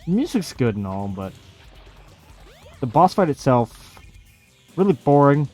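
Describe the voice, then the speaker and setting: A man's voice: mid-range voice, sing-song, a little slow, a little mellow. A man hosting a let's play with casual, sarcastic, sweary commentary and plenty of complaints. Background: video game music.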